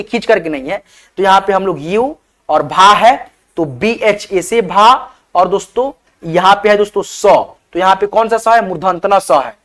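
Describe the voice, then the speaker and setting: A man's voice: sits high, a bit bright. Guy teaching spelling online, spells stuff out letter by letter, keeps saying theek hai. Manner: addresses viewers as friends, asks them to comment. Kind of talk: spelling lesson for beginners.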